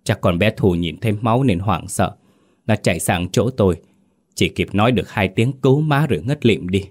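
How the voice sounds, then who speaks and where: A man's voice: on the low side, animated, moderate pace. A man voicing a kindly, lonely older neighbor woman speaking with sighing sympathy. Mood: pitying.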